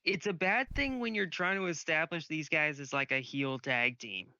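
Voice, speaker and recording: On a podcast he co-hosts, a man with a fairly high, sharp voice chats casually about wrestling at a moderate pace. He rambles and uses lots of fillers, and the audio sounds dull.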